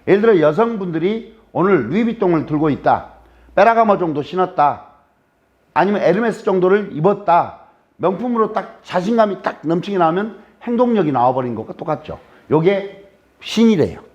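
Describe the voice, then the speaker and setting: High, lively Jeolla-accented male lecturer. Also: fairly quick. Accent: Jeolla Korean. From Jeolla, South Korea. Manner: joking, teasing, fires rhetorical questions at the audience. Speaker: guest lecturer. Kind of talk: humorous lecture to a live audience. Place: lecture room. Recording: dull lo-fi recording.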